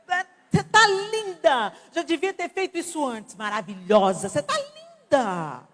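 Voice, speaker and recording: A woman's voice: very animated, a little slow, fairly bright tone, full character voice. A woman voicing a two-faced female friend who heaps fake, exaggerated praise, heard in a reverberant church hall. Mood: gushing. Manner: shrill, exaggerated over-the-top praise.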